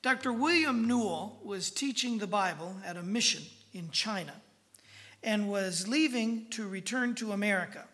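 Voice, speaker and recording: A preacher at a moderate, middling pitch delivers a Bible lesson in an informal, folksy manner. The talk is conversational rather than grand, full of check-ins that seek the listeners' agreement. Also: moderate pace, fairly bright tone. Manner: informal, folksy, often asks the listeners for assent. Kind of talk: conversational Bible-teaching sermon.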